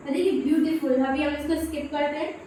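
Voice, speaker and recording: High-voiced woman teaching grammar, very echoey. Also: fairly even intonation, quick pace, warm tone. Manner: explains step by step, repeating "dekhiye". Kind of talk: Hindi classroom-style grammar lesson. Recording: very echoey room, faint background noise.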